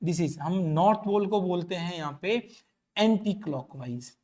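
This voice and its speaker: A male physics teacher delivers an explanatory lecture, repeating key points and checking understanding with quick questions. His voice sits high and is a little mellow.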